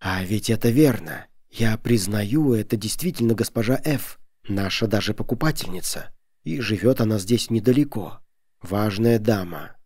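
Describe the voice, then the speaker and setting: A man voicing a shop clerk who quietly warns his employer in an audiobook story. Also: lowish voice, no echo, clean studio sound, close to an everyday voice. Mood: hushed. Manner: whispering, slow. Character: shop clerk, hushed and cautious.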